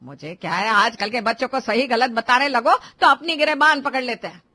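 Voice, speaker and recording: A woman's voice: a little high, a little fast, bright, forceful tone, dry recording. A woman voicing a scolding middle-aged mother who lectures her grown son. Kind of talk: Hindi cartoon voice acting.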